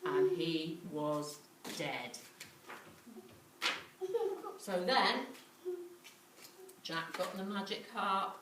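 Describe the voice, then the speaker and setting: Reading to children, a woman brings the story to life with repeated lines, dramatic pauses and questions aimed at her audience. Her pitch is fairly low. The sound is roomy and clearly noisy, picked up by a far-off mic.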